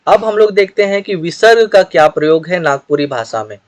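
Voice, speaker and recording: Male teacher, high voice, dry close sound; steady explainer working through examples on a page. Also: fairly quick, dry recording. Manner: steady explanatory delivery with examples, occasional throat clearing. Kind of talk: grammar lesson explaining a written page.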